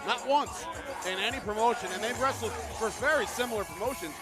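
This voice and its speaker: A man calls live wrestling in a high, excitable voice. His play-by-play is exasperated and ready to argue, and loud music runs behind him. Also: fairly quick, a loud crowd. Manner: exasperated, argumentative with his co-commentator.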